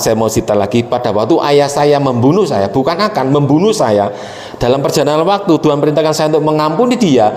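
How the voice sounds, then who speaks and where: A man's voice: fairly high pitch, darkish tone, a little hiss or hum. A male preacher, telling a personal story emotionally and often addressing the congregation directly. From East Java, Indonesia. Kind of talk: sermon with personal testimony. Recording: echoey hall, faint ambience.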